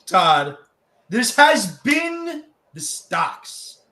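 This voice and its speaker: A man hosting a podcast, upbeat and lively as he signs off the show. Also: sits high, very slow, echoey room. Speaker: podcast host. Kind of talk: casual podcast chat, show sign-off.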